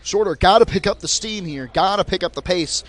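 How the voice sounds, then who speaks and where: A young man calling basketball play by play in a rapid, auctioneer-like patter that rises on big plays. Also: high voice, a bit bright. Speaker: play-by-play commentator.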